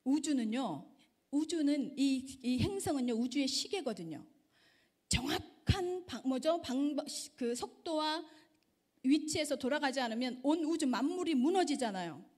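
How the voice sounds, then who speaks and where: A middle-aged woman missionary preaches to a youth group with a high, lively voice. She keeps throwing questions at her listeners and swings her pitch widely. Her delivery is animated and engaging. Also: normal speed. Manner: animated, keeps quizzing the audience. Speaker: missionary guest speaker.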